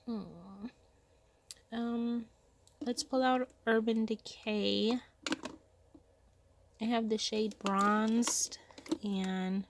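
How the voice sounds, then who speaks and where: At home in a room with vanities, a beauty vlogger sorts through her makeup, chatting casually and thinking aloud. Her voice sits on the high side and sounds stuffy from a cold, and there's a little hiss or hum on the recording.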